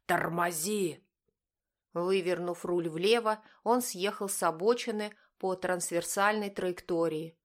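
A woman reading a novel as a scripted audiobook narration, in a measured, even way. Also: lowish voice.

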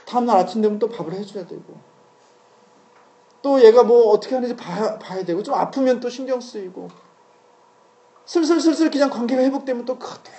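Man, forties, high mellow voice, retreat lecture, conversational sermon, rhetorical questions, echoey hall recording. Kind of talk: sermon-style lecture with family anecdote.

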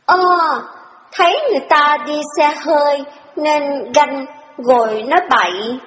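A woman's voice: high-pitched, expressive, unhurried, faint music behind, voice pushed up. A woman voicing a pouting young girl in a storybook reading, with whiny, sulky back-talk. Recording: dull recording with long reverb.

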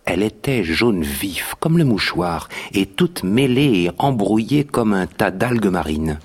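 A man narrating a children's story in a radio drama, with an even storytelling delivery. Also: lowish voice, a little slow, husky.

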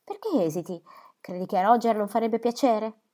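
A woman voicing a gentle, earnest young woman in a storybook reading, soft and coaxing. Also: a little high, normal speed, lightly acted.

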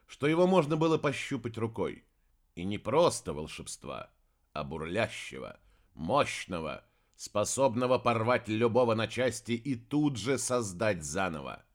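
A man narrating a fantasy audiobook with a dramatic, expressive reading. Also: mid-range voice.

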